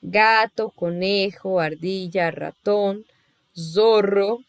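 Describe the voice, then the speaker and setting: Slow, patient Brazilian woman teaching. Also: medium pitch, clear, resonant tone, no room sound. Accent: Brazilian Portuguese. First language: Portuguese. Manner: patient, explains step by step with frequent "tá?" and "né?" checks. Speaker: Spanish teacher. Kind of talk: recorded class lesson.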